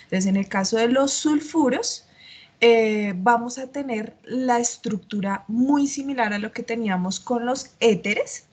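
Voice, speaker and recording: A woman tutoring chemistry in an online class explains patiently despite a slight cough and sore throat, using frequent filler sounds. Her voice is on the high side with a darkish tone, a little slow, and picked up by a computer mic on a video call.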